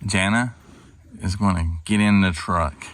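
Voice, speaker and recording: A man's voice: sits low, unhurried, no room sound. A man chatting casually as a vlogger, pointing things out along a drive and at a pasture. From North Carolina. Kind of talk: casual vlog chat. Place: outdoors, on a drive and at a horse pasture. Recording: loud outdoor background noise.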